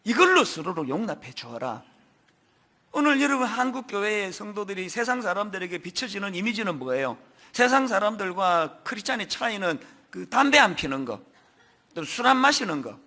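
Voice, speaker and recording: A man's voice: high voice, very animated, moderate pace, bright, forceful tone. A middle-aged man preaching a sermon as pastor of a church, asking rhetorical questions and reading scripture aloud in an earnest voice. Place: church sanctuary.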